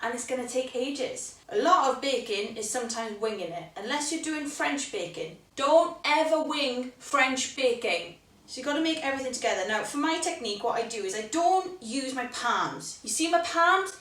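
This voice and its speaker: A woman's voice: high-pitched, animated, moderate pace, a bit bright. A young Welsh woman hosting a casual cooking video from her home kitchen, chatty and playful as she teaches Welsh words. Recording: roomy kitchen, mic at a distance.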